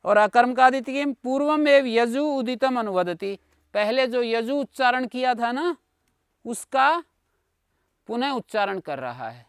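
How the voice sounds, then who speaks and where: A man's voice: very high voice, animated, a little slow, clear, resonant tone, no room sound, clean studio sound. A man teaching Sanskrit grammar in an online class, patiently explaining and checking in with his students. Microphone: video call.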